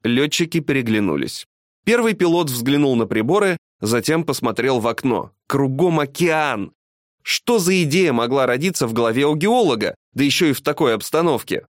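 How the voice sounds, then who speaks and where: A man's voice: mid-range voice, brisk, no room sound. Male storybook narrator, dramatic read, dry sound. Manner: expressive, dramatic reading.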